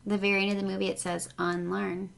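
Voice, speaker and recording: Female podcast guest, gravelly and animated, wry teasing, crowd murmur behind. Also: medium pitch, racing. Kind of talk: casual chat.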